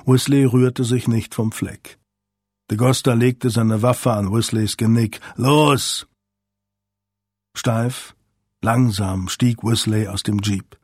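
A man reading an audiobook thriller in a measured, calm narration. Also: on the low side, breathy edge, no echo, clean studio sound. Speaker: audiobook reader.

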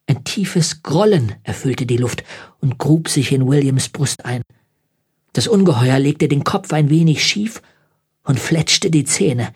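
A man reading an audiobook aloud in measured, tense scripted narration. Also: fairly high pitch, a little mellow, slightly rough.

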